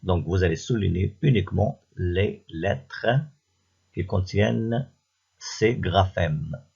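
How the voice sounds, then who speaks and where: Slow, gravelly low-voiced male teacher. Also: a little mellow, highs cut off. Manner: patient, repeats each answer step by step. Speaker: primary school teacher. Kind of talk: slow classroom phonics lesson.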